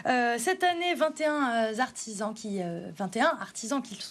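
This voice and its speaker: Femme, chroniqueuse culture, voix aiguë, enjouée, plateau télé. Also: female voice, fairly high pitch, sing-song, moderate pace. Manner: playful, quizzing with riddles, laughing. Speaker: culture columnist. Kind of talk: TV culture segment. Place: TV studio set.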